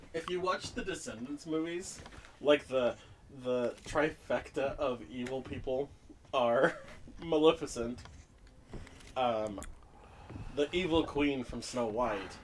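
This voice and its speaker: A man's voice: medium pitch, a little hiss or hum. A man with the hiccups chatting playfully as co-host while playing a horror game. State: has the hiccups. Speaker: co-host of a horror gaming show.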